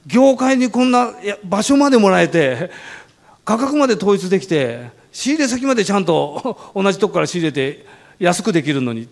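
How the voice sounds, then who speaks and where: A man who founded a funeral company, telling a story about his business in a lively way, often laughing and acting out the voices of others. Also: high voice, creaky. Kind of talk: animated storytelling talk.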